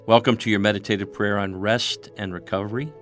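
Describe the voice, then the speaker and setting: A man guiding a meditative prayer in a soft, reverent way. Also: fairly low pitch, fairly even intonation, soft background music. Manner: slow, soft, reverent delivery. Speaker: prayer guide.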